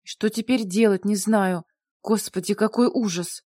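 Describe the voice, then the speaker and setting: A brusque, sardonic young woman fires off curt questions in a commanding tone, as a woman reader plays her. Her voice is warm and mellow, set in a dry, close-miked booth with nothing behind. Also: medium pitch, fairly even intonation, a little slow, no room sound, lightly acted. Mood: glum. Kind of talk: audiobook character voice.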